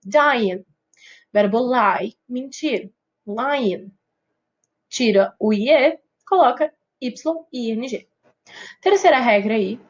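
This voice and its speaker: A woman's voice: fairly high pitch, animated, slow, pauses often, highs cut off. A woman teacher with a Brazilian Portuguese accent explaining English grammar patiently, often checking in with her students. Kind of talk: recorded grammar lesson.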